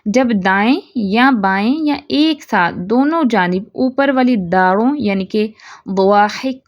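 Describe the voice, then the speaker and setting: A woman teaching a recitation lesson, slowly drawing out example words syllable by syllable. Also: fairly high pitch, lo-fi sound. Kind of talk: online tajweed lesson.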